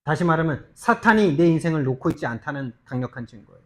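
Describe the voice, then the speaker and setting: Male pastor, sermon, fairly high voice, emphatic rhetorical questions, loud bursts and soft asides. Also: animated, quick pace. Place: church sanctuary.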